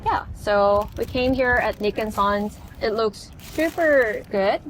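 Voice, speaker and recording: A woman food vlogger chatting casually as she tastes pastries on city streets, with many fillers and pauses. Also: medium pitch, a little hiss or hum. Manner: chatty, savoring, filler-heavy. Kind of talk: casual food vlog commentary. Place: outdoors on city streets and in bakeries.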